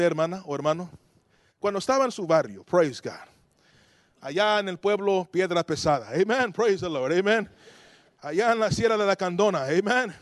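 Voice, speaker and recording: A man's voice: high voice, no room sound. A man preaching a sermon to his congregation, telling stories animatedly, acting out voices and dropping English phrases into his talk.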